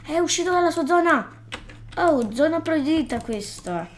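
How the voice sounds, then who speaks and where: A woman gives playful, unhurried commentary as she plays, her voice sitting fairly high. She scolds the creatures in the game. Faint keyboard clicks sound behind her at the desk. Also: animated, slight background noise. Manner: playful, exclaiming at the game, scolding fish and stalkers. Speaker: gaming YouTuber. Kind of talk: Let's Play commentary.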